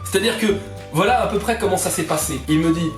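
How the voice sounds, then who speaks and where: Young guy telling funny stories, high lively voice, echoey room, mic kinda far, music under. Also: quick pace. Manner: animated, lots of fillers and restarts, puts on voices. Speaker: vlogger. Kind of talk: comic storytelling vlog. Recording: roomy echo, distant mic, music behind.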